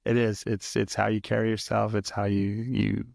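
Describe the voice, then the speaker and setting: A man's voice: fairly low pitch, completely flat delivery, moderate pace, gravelly, a little mellow, no echo, clean studio sound. A man in his early forties, a podcast guest, telling stories in an easygoing way with many fillers and restarts. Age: 40s. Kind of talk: casual conversation.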